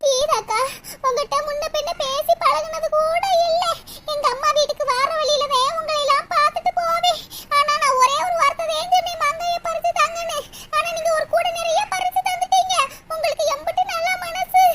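A woman plays a soft-hearted young village woman in a cartoon comedy, her voice pitched sky-high and squeaky. She pleads and sniffles through her worries. A faint hiss sits under the track. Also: moderate pace. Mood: sobbing. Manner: pleading, sobbing, calls elder "akka". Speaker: cartoon character voice.

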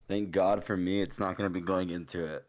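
A man's voice: deep voice, steady tone, fairly quick. A man on a voice call during a gaming stream, joking in a dry, sarcastic, crude way. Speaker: gaming guest. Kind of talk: casual chat on a voice call. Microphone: microphone on a voice call.

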